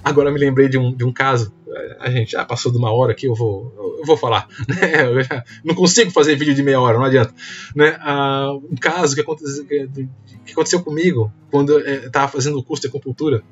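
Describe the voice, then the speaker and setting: A man's voice: mid-range voice, quick pace. A man teaching in a casual, rambling video lecture, telling anecdotes and often stopping to restart his sentences. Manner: rambling, frequent tag questions and restarts. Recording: dull lo-fi audio with faint music.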